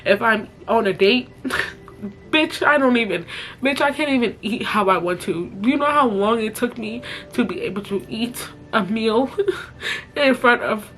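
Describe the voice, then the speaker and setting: A young woman talks straight into a close camera, her voice thick and stuffy from crying. She keeps her voice low but stays blunt and profane as she vents. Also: lively intonation, unhurried. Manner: speaks softly while crying. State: tearful, stuffy nose. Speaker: influencer. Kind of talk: emotional confessional vlog.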